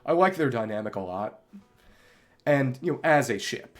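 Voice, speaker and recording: A game streamer with a medium-pitched voice chats casually while playing, rambling in a wordy, thoughtful way and often pausing to find the right words. He sounds animated and talks at a moderate pace, with game music behind him.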